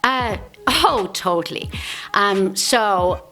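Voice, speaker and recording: Woman doing an Irish lady storyteller, female, bright tone, whimsical, wistful, fond, comedy interview character. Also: mid-range voice, animated, extremely slow, soft background music, full character voice. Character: whimsical Irish woman fondly recalling leprechauns.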